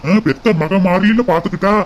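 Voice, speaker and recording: A woman's voice: medium pitch, fairly quick, darkish tone, lo-fi sound, a little hiss or hum, close to an everyday voice. A woman voicing an indignant village woman in a cartoon comedy, reproaching a girl. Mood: reproachful. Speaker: cartoon character.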